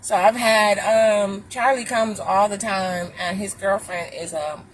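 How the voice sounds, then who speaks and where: A woman from Ohio filming a vlog, chatting casually and warmly with a neighbor outside by an apartment parking lot. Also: medium pitch, fairly even intonation, takes it slowly, a little hiss or hum, low-quality recording. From Ohio, USA. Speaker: vlogger.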